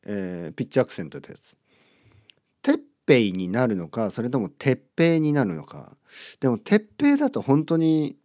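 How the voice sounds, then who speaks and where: Casting: middle-aged man, playful chatty host, animated pitch, dry close sound. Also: a little fast, no echo. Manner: chatty, playful, amused asides. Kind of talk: casual monologue.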